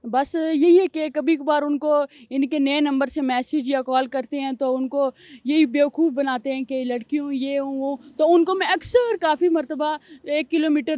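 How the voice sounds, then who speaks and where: An eighteen-year-old man talks casually as an interview guest, rambling a little with fillers. His voice is high and soft with a mellow tone, and the room sounds dry. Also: no echo. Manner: relaxed, chatty, repeats fillers. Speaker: guest voice imitator.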